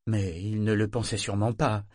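A man reading the part of a sleepless widowed mother, speaking in a hushed, soft voice. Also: lowish voice, level tone, normal speed, no room sound, clean studio sound, lightly acted. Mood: pleading. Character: weary widowed mother, older woman, sleepless.

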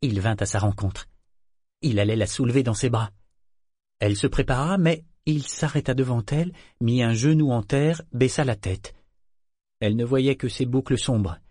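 A man's voice: medium pitch, moderate pace, a little mellow, dry recording. A man narrating in a dry studio. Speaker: audiobook narrator. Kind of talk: scripted narration.

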